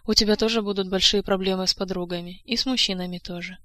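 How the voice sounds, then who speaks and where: A woman's voice: mid-range voice, fairly even intonation, fast talker, a bit bright, dry recording, natural voice. A woman reading the part of a frank, wary young court lady, speaking in a confiding, cautionary way. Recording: dry close-mic studio sound.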